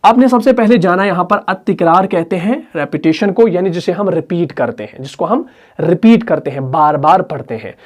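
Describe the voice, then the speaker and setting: A man, teaching a recitation class, explaining slowly and asking and answering his own questions. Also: sits high, lively intonation. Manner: recites Quranic verses in drawn-out chant. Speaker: tajweed teacher. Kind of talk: online Quran recitation lesson.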